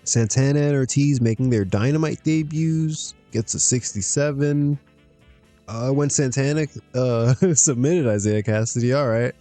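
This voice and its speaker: A man's voice: mid-range voice, a little slow, warm tone, soft background music. Laid-back man chatting over a game. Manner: chatty, laughs often, talks to himself. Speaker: streamer playing a wrestling management game. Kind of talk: casual gameplay commentary.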